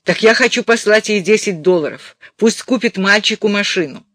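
A man voicing an excitable, indignant elderly mother in an audiobook, with a scolding, emphatic manner. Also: high-pitched, normal speed, no echo, pitched above the performer's own voice. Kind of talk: audiobook character voice.

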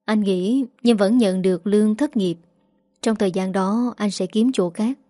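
Woman doing a tired young husband, calm, sighing, storybook figure, dry sound. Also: mid-range voice, normal speed, no room sound, close to an everyday voice. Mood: weary. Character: weary young male engineer, calm son.

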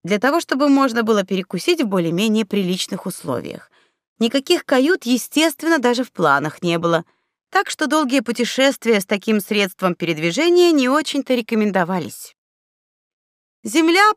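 A woman narrating a fairy tale audiobook with expressive, playful storytelling on a close mic. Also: a little high, brisk, no room sound.

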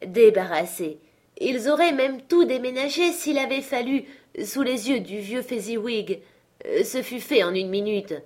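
Female audiobook narrator, husky, steady storytelling. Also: on the high side, moderate pace. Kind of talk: audiobook reading of a classic tale.

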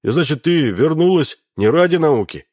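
A man doing an excitable jilted young man. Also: on the high side, moderate pace, dry recording, clean studio sound, voice pushed up. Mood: indignant. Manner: raised and emphatic.

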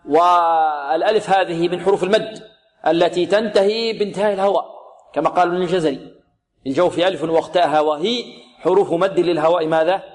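A man teaching the rules of Quran recitation in a lesson, asking rhetorical questions, answering them himself, and slowly repeating words to show how they should sound. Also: sits high, fairly even intonation. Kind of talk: tajweed lesson, explaining and demonstrating recitation. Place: religious radio program recording.

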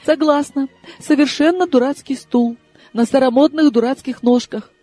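A man putting on an excitable young woman in her mid-twenties, pitched far above his own voice and pushed louder. She sounds shrill, wounded and combative, with a soft, breathy edge to the tone. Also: normal speed, no room sound, faint music behind. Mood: indignant. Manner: shrill, tearful, protesting.

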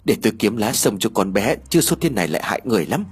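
A man's voice: fairly low pitch, big pitch swings, breathy edge, exaggerated voice. A man voicing a sighing, sorrowful old woman. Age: older. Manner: soft, sighing, slow. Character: older woman, sorrowful mother-in-law.

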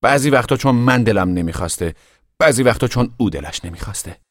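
Guy doing a touchy teen boy up in the trees, short clipped answers, pitched up. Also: expressive, dry recording, studio quality, close to an everyday voice. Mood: curt. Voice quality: curt, clipped replies. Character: teenage boy living in trees, terse and guarded.

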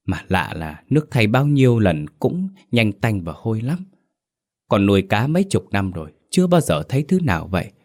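A man's voice: on the low side, sing-song, normal speed, darkish tone. Man voicing a stammering old fish farmer. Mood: uneasy. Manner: stammering, anxious, pleading.

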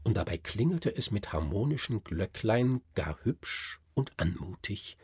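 A man reading an audiobook in expressive, lively storytelling narration. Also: fairly low pitch, a little slow, husky, no echo, clean studio sound. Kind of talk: scripted narration.

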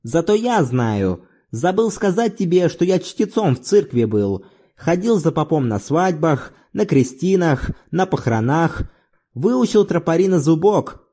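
A man's voice: a little high, big pitch swings, a little slow, voice pushed up. A man reading an audiobook, voicing an exuberant, playful middle-aged man who half-chants like a church singer. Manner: loud, theatrical, mock-chanting like church singing. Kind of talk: audiobook character voice.

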